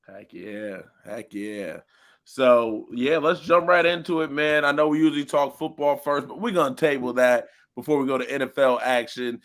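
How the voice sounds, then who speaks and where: A man hosting a live sports talk show in a studio, animated and hyped, with loud exclamations. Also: medium pitch, moderate pace. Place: small studio.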